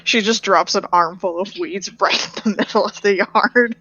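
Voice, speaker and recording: A woman's voice: mid-range voice, moderate pace, fairly bright tone. A woman playing a tabletop role-playing game, talking in a blunt, teasing way. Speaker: player. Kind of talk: tabletop role-play banter. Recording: dull lo-fi audio.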